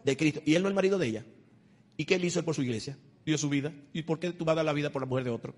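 A middle-aged male preacher giving an impassioned sermon, swinging between loud exhortation and hushed, intimate asides. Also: fairly high pitch, racing.

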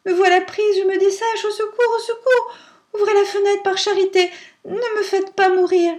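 A woman's voice: extremely high pitch, fairly even intonation, moderate pace, a little mellow, pitched above the performer's own voice. A woman voicing a tearful female rain spirit who cries out shrilly in a storybook tale. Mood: desperate.

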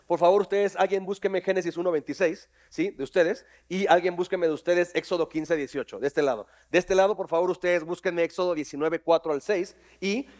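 A man preaching a sermon to his congregation, lively and jokey, quizzing people on verses. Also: high voice, brisk, hardly any pauses. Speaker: pastor. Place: church hall with congregation.

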